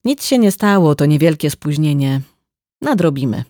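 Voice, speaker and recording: A woman voicing a busy young mother who briskly rushes her boys along, a little higher and louder than her narration. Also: very animated, dry recording, studio quality. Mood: friendly. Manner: brisk, commanding. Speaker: hairdresser.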